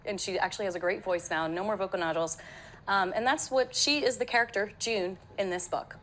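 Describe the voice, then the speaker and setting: Guest voice therapist in her thirties, woman, a touch hoarse from a cold, animated explainer, faint room hum. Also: medium pitch, fairly quick. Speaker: voice therapist and children's author. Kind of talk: TV interview guest.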